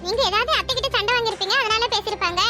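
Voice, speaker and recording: A woman voicing a cheeky, sharp-tongued young village boy in a cartoon family drama. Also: very high-pitched, loud music behind the voice. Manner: cheeky, quick retorts.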